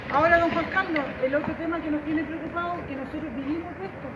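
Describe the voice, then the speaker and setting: A woman's voice: high voice, fairly even intonation, fast talker, lo-fi sound. A woman with a Chilean accent speaking assertively and off the cuff for market vendors in a public discussion. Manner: assertive, pressing. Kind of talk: impromptu outdoor public discussion. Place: outdoors in a town plaza. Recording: very noisy open-air crowd recording. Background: crowd, street noise, vehicles.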